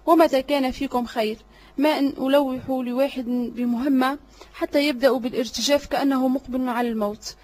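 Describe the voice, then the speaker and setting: A woman's voice: high voice, steady tone, fairly quick, a little mellow, lightly acted. A woman voicing an irritable, threatening male vizier in an audiobook drama reading, blustering and impatient.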